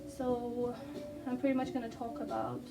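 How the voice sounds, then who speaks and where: Her fairly high, level-toned voice carries a hesitant, self-deprecating ramble with frequent ums and pauses as she sketches for a casual vlog. English isn't her first language, and she's recorded by a distant mic with music playing behind her.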